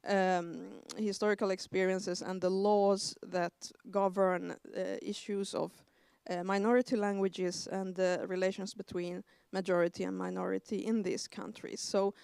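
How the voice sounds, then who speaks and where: Woman in her 40s, swedish-raised historian, umms a lot, smooth clear voice, dry sound. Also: medium pitch, flat delivery, darkish tone, no echo. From Sweden. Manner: measured, with frequent hesitations. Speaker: historian, debate panelist. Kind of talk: academic panel talk.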